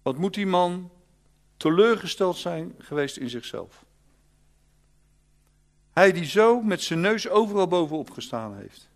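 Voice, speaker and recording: A male preacher, giving an animated storytelling sermon that swings from loud to hushed. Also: high voice, measured pace, pauses often.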